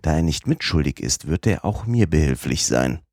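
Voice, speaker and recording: A man voicing a crafty, persuasive police detective who speaks low and insistently. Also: big pitch swings, normal speed, a little mellow, no echo, clean studio sound, full character voice. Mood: coaxing. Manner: low-voiced, coaxing, insistent.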